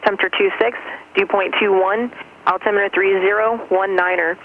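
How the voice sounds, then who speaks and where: A looping airport information broadcast over aviation radio, read out in a flat, measured, formulaic way. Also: medium pitch. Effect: automated airport weather broadcast over aviation radio. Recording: tinny radio receiver with faint hiss.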